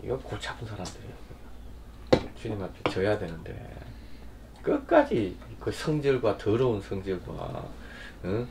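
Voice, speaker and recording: A man pastor preaching a sermon in a conversational way, prompting listeners often and swinging between loud bursts and quiet asides. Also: lowish voice, sing-song, normal speed, heavy background noise.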